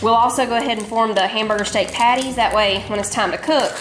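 Speaking quickly in a slightly high voice, this Southern US mom in her thirties narrates a casual cooking vlog from her home kitchen over background noise. She's chatty and homey, addressing her viewers as "y'all" as she cooks.

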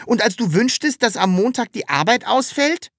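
A woman voicing a cheeky, stubborn, childlike magical creature in an audiobook, with a high, bright voice and an insistent, excitable way of talking. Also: moderate pace, dry recording, clean studio sound. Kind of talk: audiobook character reading.

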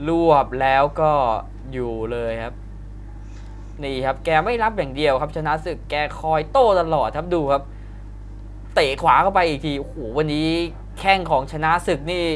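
A man's voice: fairly high pitch, moderate pace. A man giving live Muay Thai commentary in an exclamatory way, reacting to each strike. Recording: broadcast with arena crowd noise behind. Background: faint fight-arena ambience.

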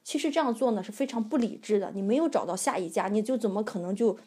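Young woman, vlogger, mellow husky voice, indignant ranting storytelling. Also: mid-range voice, fast talker. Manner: indignant, animated complaining. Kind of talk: casual storytelling rant.

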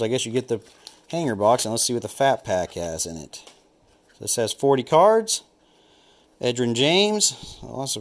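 Speaking in a mid-range, somewhat dark voice, a man opens football trading card packs and names every card while flipping through. It's casual unboxing commentary, thought aloud.

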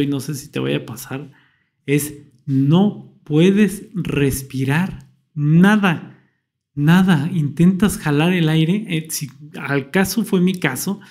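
A young man tells a personal story in a loose, casual way. His voice sits a little high but sounds mellow and dark. He jumps into quoted lines, mimicking what he and others said. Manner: animated retelling, acts out his own past quotes. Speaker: vlogger.

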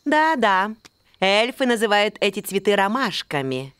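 Crisp, animated fairy nanny. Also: female voice, medium pitch, a little slow, no room sound. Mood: prim. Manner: precise, correcting, schoolmistress-like. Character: prim, strict fairy nanny teacher. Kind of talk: children's cartoon acting.

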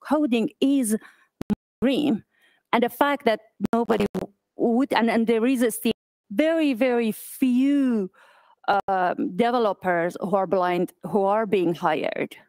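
A woman in her thirties, originally from Iran, giving a conference talk as an accessibility specialist, speaking in a halting way with many fillers and restarts. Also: a little high, darkish tone, dry recording. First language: Persian. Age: 30s. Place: office event space.

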